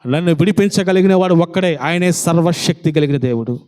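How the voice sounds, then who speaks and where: A man preacher voicing a blind beggar man who pleads loudly for mercy. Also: on the high side, fairly quick, voice pushed down, natural voice. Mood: hopeful resolve. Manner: pleading, desperate shouting.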